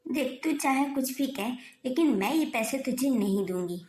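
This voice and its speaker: A woman's voice: high-pitched, lively intonation, normal speed, a little mellow. Woman doing a firm sensible young wife. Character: sensible young elder daughter-in-law, firm with money. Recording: roomy echo.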